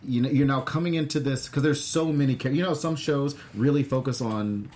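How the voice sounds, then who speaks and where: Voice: mid-range voice, fairly quick, darkish tone. A host leading a casual chat about a TV show, talking with lots of fillers and restarts. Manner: chatty, many fillers and restarts. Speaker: podcast host.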